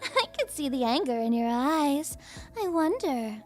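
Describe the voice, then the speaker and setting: In a scripted ASMR roleplay, a woman plays a playful, taunting young female trickster, teasing coyly and mock-innocently while drawing out her words. Her voice is high, very animated and darkish in tone, with faint music behind.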